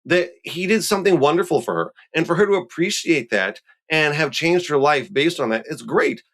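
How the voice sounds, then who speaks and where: Animated rabbi making his case. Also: fairly high pitch, moderate pace. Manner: animated, emphatic, argues with examples. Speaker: rabbi guest. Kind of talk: podcast discussion.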